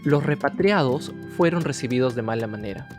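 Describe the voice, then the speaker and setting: A man's voice: medium pitch, lively intonation, a little fast. Male narrator, mid-range voice, explains history to the viewer, guitar music behind. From Peru. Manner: storytelling, speaks directly to the viewer. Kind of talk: educational narration.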